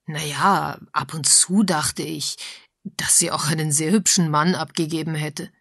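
A woman's voice: deep voice, steady tone, unhurried, fairly bright tone, breathy edge, no echo, studio quality, full character voice. A woman reading a musing, sly older lady. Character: older woman, thoughtful, slyly sharp.

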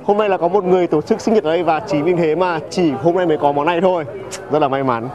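A man's voice: on the high side, fast, lo-fi sound, crowd noise. A young man hosting a food vlog, chatty and upbeat, talking with his mouth full of food. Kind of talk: food vlog narration to camera. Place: outdoor street food stall.

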